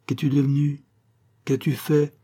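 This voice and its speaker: A man voicing a small, bossy middle-aged mother who scolds her grown son without pause. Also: on the high side, little pitch movement, mellow, voice pushed up. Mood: scolding. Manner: rapid-fire scolding.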